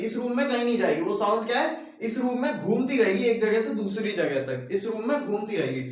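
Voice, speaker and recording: High-voiced male teacher in echoey room. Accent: Hindi. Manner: repeats phrases, keeps asking "ठीक है"; slows down while dictating notes. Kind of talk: classroom lecture at a board. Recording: very echoey room, mic far off.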